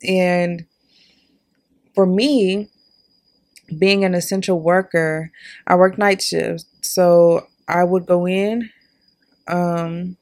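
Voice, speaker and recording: A woman's voice: fairly low pitch, vocal fry, a little mellow. A young woman in her twenties hosting a podcast, telling her own story in a candid, chatty way and talking straight to her listeners. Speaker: podcast host. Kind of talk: casual personal storytelling.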